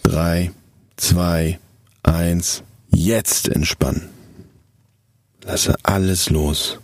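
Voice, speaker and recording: Soft and soothing, a low male voice guides listeners through a scripted relaxation exercise with calm, measured instructions stretched out slowly. There's no echo in the recording.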